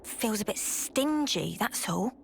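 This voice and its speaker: A woman's voice: high-pitched, animated, unhurried, fairly bright tone, a little hiss or hum. An actress voicing a nosy, blunt young woman companion in a video game, talking in a pushy, casual way.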